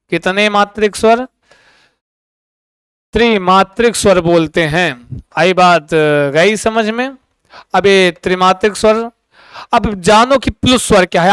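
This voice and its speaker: A male teacher giving an exam coaching lecture in a lively way, often asking his students questions. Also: sits high, smooth, dry recording, poor audio.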